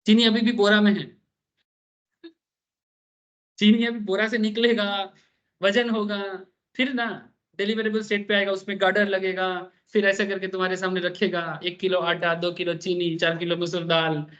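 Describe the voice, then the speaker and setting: A man's voice: sits high, level tone, normal speed, a bit bright, dull audio. A man teaching a business law class, telling stories and asking the students questions. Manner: chatty storytelling, asks the class questions, mixes English terms.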